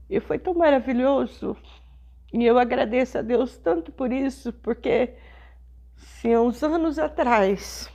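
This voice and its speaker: A middle-aged woman pastor, telling a personal testimony in a sermon with slow, emotional storytelling. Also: on the high side, gravelly, warm tone.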